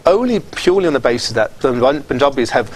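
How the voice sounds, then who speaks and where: A middle-aged man answering interview questions, earnest and halting, often repeating words. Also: medium pitch, expressive, low-quality recording. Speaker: football association official.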